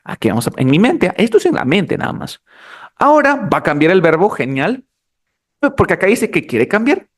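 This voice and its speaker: A man explaining English grammar as a teacher, animated and talking straight to his students. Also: high-pitched, normal speed. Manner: animated, addresses students as "chicos". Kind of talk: lesson explanation.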